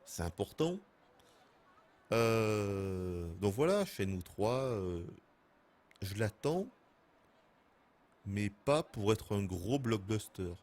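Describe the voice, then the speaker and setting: A man in his thirties giving casual, excitable gameplay commentary as a streamer, laughing and swearing often. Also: fairly low pitch, drawn-out words, long pauses. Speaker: gaming streamer.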